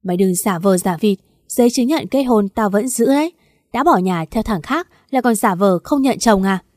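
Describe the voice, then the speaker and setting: A man's voice: sits high, expressive, moderate pace, dry recording, clean studio sound. Woman doing a coarse, threatening ex-husband. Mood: scornful. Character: abusive, arrogant ex-husband, young man.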